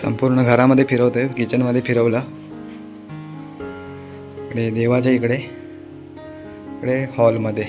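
A man's voice: medium pitch, flat delivery, unhurried, pauses often, over music, poor audio. A man from the Konkan region, narrating a village vlog in a chatty way, talking straight to viewers and often restarting his sentences. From Konkan, Maharashtra. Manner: chatty, addresses viewers directly, frequent restarts. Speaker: village vlogger. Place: village home and outdoors.

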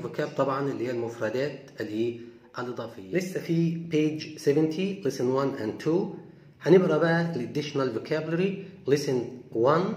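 Egyptian man, English teacher, fairly high voice, repeats each word slowly, echoey room. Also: a little mellow. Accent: Egyptian Arabic. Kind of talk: vocabulary lesson, reading words aloud and explaining.

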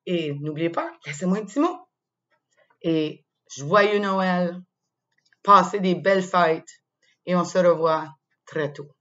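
A woman with a Quebec French accent reading a playful story to children, slow and expressive. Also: on the low side. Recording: dull lo-fi sound.

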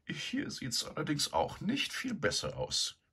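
A man voicing a huge, domineering female sow who barks orders in a high, sharp voice. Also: huge pitch swings, measured pace, vocal fry, breathy edge, exaggerated voice. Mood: bossy. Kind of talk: storybook reading.

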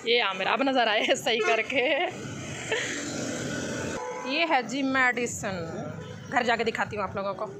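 A woman's voice: a little high, a little slow, pauses often, music in the background. A young woman chatting casually in a family vlog while filming on a phone. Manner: chatty, baby-talk with child and cats. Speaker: vlogger and mother.

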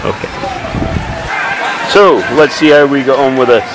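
A man's voice: mid-range voice, measured pace. A man, vlogging casually at an outdoor beach resort into a camera held at arm's length, with lots of "uh" fillers. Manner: chatty, filler-heavy with frequent "uh". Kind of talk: casual travel vlog. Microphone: handheld camera at arm's length. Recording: loud outdoor crowd and traffic noise.

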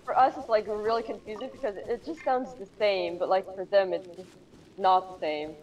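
A woman's voice: medium pitch, moderate pace, darkish tone, highs cut off. A woman chatting casually as a stream guest, sometimes searching for words. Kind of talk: casual chat. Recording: distant mic with faint noise.

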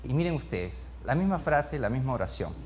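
A man's voice: medium pitch, a little fast, slight background noise. A man teaching a speed-reading class, asking the group question after question and filling his talk with short tag questions. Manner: animated, questions the group over and over; peppers speech with "¿ya?" and "¿no?". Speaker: speed-reading course instructor. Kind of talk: interactive classroom lesson.

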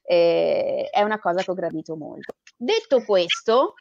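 A woman's voice: lowish voice, sing-song, unhurried, creaky, a little mellow. Brief: chatty female host, casual and laughing, slightly muffled audio. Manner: chatty, laughing, greets viewers. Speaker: host of a reading show. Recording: dull lo-fi audio.

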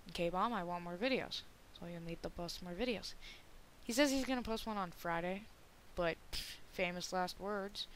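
A man's voice: high voice, moderate pace, a bit bright, a little hiss or hum. A teenage boy giving casual, rambling gameplay commentary, joking around and slipping into silly voices. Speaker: gaming video creator.

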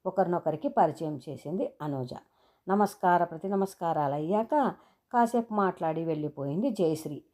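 Expressive woman reading a story. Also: on the low side, moderate pace. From India. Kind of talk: audio story narration.

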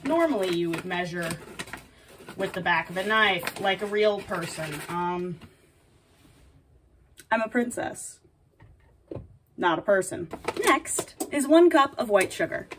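A woman's voice: medium pitch, lively intonation, slow pace, pauses often, noisy background, voice pushed down. A young woman playing a playful, sassy princess hosting a comedic baking tutorial, with dry asides and a mock-dainty manner. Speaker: baking video host. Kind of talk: comedic in-character cooking tutorial. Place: small home apartment kitchen, indoors. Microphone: camera a few feet away. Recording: distant kitchen camera microphone.

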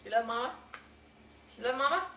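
A woman's voice: on the high side, animated, fast, sharp tone, reverberant, slight background noise. A woman coaxing and playfully questioning her toddler during a family home video, heard on old camcorder audio. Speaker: mother filming with her children.

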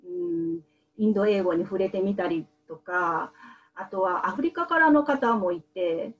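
A woman in her thirties who works as a medical translator, answering interview questions in a soft, hesitant way with many fillers. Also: medium pitch, big pitch swings, measured pace, highs cut off.

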